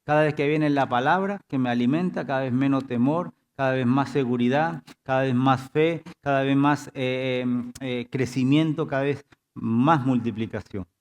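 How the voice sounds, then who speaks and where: A man preaching from a church pulpit in a voice of ordinary pitch. He keeps drawing the congregation in with short prompts and checks. His delivery is that of a pastor teaching a sermon. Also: moderate pace. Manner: repeats "diga" and "¿sí?" to engage the congregation.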